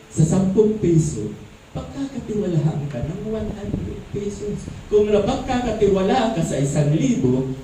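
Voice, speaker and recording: A man's voice: sits high, mellow. A man preaching a sermon, talking conversationally and asking the congregation questions. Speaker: pastor. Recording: echoey hall, distant mic, faint noise.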